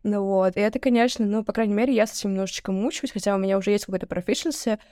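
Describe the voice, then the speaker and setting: A woman's voice: medium pitch, dry recording, studio quality. A young woman from Russia, a podcast guest, telling stories in a casual chat and acting out the people she quotes. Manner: rapid, animated storytelling, acting out quoted people.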